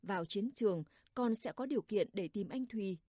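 A dutiful young village daughter speaks with earnest resolve, as a woman narrator reads her. The tone is mellow and husky, heard close and dry. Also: medium pitch, fairly quick, dry recording, natural voice. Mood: pleading.

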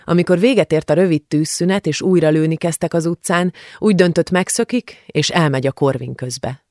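A woman narrating an audiobook in a calm, measured scripted reading. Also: low voice, no room sound, studio quality.

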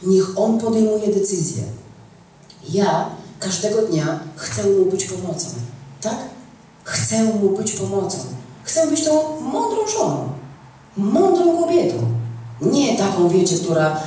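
A woman's voice: medium pitch, animated, slow, mellow. Emphatic woman preaching in an echoey hall. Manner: emphatic, repeats key phrases, asks "tak?". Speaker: women's teacher. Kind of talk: church teaching. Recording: echoey room, mic far off, faint noise.

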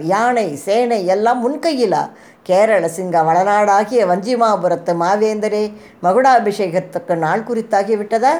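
A vengeful dead prince speaks from his own corpse, mocking his betrayer with one accusing question after another, as a woman reads him aloud. His voice sits at a middle pitch for a storybook figure. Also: darkish tone, close to an everyday voice.

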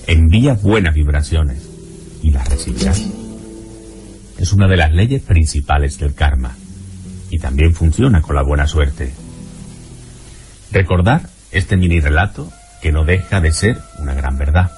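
A man giving a scripted, measured narration in a calm advising tone, with guitar music underneath. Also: very deep voice.

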